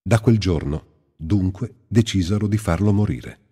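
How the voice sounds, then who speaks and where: A man giving a slow, measured, reverent scripture reading. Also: low voice, animated, warm tone, breathy edge. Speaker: Bible reader. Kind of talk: solemn scripted Bible reading. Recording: long hall reverb.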